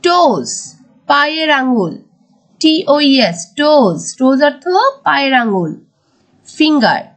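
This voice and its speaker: A woman teaching a primary school English lesson, mixing English words with Bengali explanations and drawing words out slowly. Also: high voice, very animated. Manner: slow, drawn-out word-by-word teaching. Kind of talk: recorded classroom lesson.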